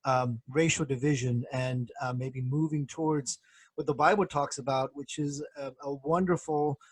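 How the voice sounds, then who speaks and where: A middle-aged man, born in Korea, answering interview questions as a professor and former pastor in a measured, reflective way. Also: mid-range voice, steady tone, breathy edge, no room sound. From born in Korea, grew up in the United States. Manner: measured, reflective, many soft fillers.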